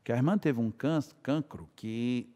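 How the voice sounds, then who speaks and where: A man's voice: mid-range voice, moderate pace, warm tone. A man with a Brazilian Portuguese accent giving a talk at a spiritist center, telling anecdotes and acting out both sides of the dialogue. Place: lecture hall. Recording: long hall reverb.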